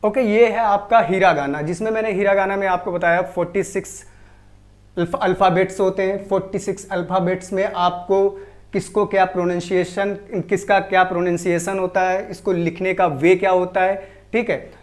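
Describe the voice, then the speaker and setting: A woman teaching a language lesson, reading syllables one by one in a slow, deliberate drill on borrowed words. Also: fairly low pitch, fairly even intonation. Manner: slow, deliberate, repeats each syllable clearly. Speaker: Japanese teacher.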